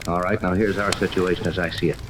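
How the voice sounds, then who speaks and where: Casting a male actor with a natural, low-register voice to play a commanding, level-headed yacht captain leading an expedition in a vintage 1930s radio adventure serial. He should sound steady and authoritative, deliberately giving orders. The recording is noisy 1930s radio with rain ambience laid over it.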